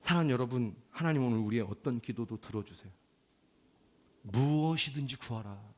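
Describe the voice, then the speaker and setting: A man preaching a Sunday sermon as pastor, swinging from loud pleading to quiet, confiding talk. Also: mid-range voice, expressive, racing, highs cut off.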